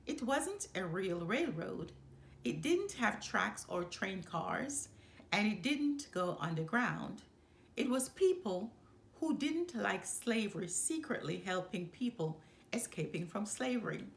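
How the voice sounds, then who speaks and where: This slow, expressive storyteller is a woman hosting storytime, narrating a children's book in the first person. Her voice is medium in pitch and creaky, her phrasing deliberate and dramatic with pauses, and the room echoes around her.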